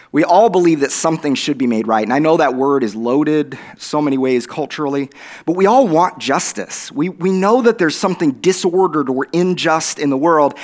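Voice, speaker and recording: A middle-aged man delivers a sermon in an Oklahoma accent. His voice sits a bit high for a man. He talks conversationally, checking in with short tag questions and leaning on repeated phrases. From Oklahoma, USA. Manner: conversational, with check-in tags like "right?" and "okay?". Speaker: preacher.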